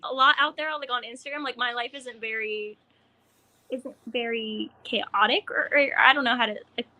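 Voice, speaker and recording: Bright giggly young woman guest. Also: on the high side, normal speed. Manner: giggly, lots of 'like' and 'um', rambling. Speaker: guest, racer. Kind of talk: casual interview.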